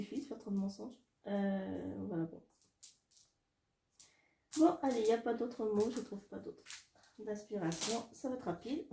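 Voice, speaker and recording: A woman from France thinking aloud in a casual solo video, soft-spoken and hesitant, laughing often as she draws cards and dice. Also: mid-range voice, echoey room. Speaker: illustrator doing card and dice draws.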